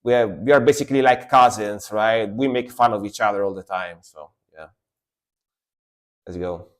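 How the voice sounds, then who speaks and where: A man's voice: on the low side, normal speed. Rambling man reacting to music. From Italy. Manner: enthusiastic, rambling, jokey. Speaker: streamer reacting to metal music. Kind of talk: casual reaction commentary.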